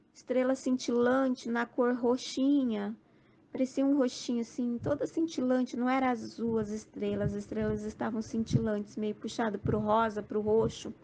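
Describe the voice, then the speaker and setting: Higher, gravelly woman recounting a dream. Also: steady tone, a little hiss or hum. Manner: slow, repetitive storytelling with many "assim" and "sabe" fillers.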